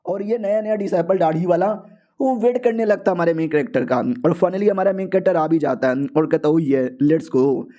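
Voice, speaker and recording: A man narrating a comic recap in a casual, playful way, slangy and animated. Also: sits high, brisk.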